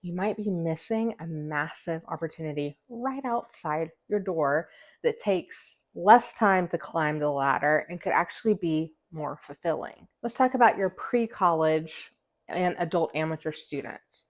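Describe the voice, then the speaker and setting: A woman's voice: low-pitched, animated, a little slow. A woman with a slight lisp from wearing a retainer, hosting an emphatic, scripted advice vlog for fellow musicians. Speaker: host, music teacher and musician. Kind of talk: scripted direct-to-camera vlog, encouraging advice.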